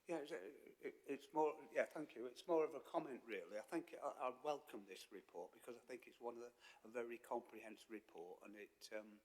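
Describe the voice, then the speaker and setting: A man councillor making a halting comment in a committee meeting, with many repeats and fillers. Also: medium pitch, darkish tone, big-room sound, low-quality recording.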